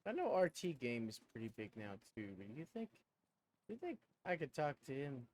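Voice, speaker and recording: Man with a swooping, animated pitch, thinking aloud. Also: moderate pace, slight background noise. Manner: rambling, self-conscious, thinking aloud. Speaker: video game streamer. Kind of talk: casual chat and commentary while playing a game.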